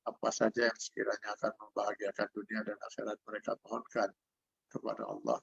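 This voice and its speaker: A fairly low, sing-song voice, gravelly, slightly rough and a bit bright, moves briskly as an older Indonesian-accented man preaches over a video call. The Islamic preacher recites Arabic verses and follows with explanations, heard through dull lo-fi call audio.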